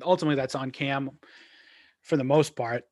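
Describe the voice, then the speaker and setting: A man's voice: mid-range voice, fairly even intonation, moderate pace, darkish tone, dry recording, studio quality. A man co-hosting a casual sports podcast, rambling through game talk with lots of fillers and restarts. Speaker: podcast co-host.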